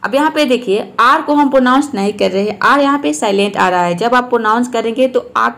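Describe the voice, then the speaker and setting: A woman teacher explaining words and repeating each one slowly. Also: fairly high pitch, creaky, fairly bright tone. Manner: slow, repeats each word to show how it is said. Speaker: English teacher. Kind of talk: explaining lesson.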